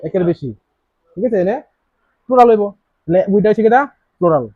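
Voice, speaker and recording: A man's voice: high voice, quick pace, no room sound. A man teaching a grammar lesson in with a tinge, quizzing his students with many questions and repeating key words. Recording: dry, slightly dull lo-fi sound.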